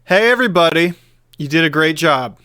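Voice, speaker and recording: A man's voice: fairly high pitch, animated, a little fast, pushed and bright, no echo, studio quality. Breezy trainer woman, as a man puts her on.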